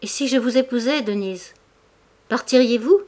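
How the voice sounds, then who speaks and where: A woman's voice: mid-range voice, little pitch movement, a little fast, natural voice. A woman reading the lines of a wealthy male store owner, impassioned and close to tears. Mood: tender. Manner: impassioned, tearful outbursts.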